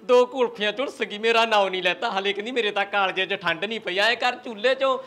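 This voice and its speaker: Comic husband, very high whiny voice, sarcastic wailing man plays it; faint music bed. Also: fast, bright, forceful tone. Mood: complaining. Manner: whining, sarcastic grumbling with wailing cries. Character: henpecked village husband, whining and grumbling. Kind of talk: rustic comedy sketch acting.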